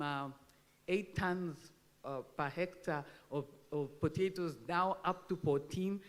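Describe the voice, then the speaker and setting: A woman's voice: on the low side, darkish tone. A Kenyan woman in her sixties giving a candid, emphatic, informal speech, with speech shaped by missing front teeth. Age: 60s. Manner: candid, self-deprecating, emphatic. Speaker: agricultural research speaker. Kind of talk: informal speech at a launch event. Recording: long hall reverb on microphone.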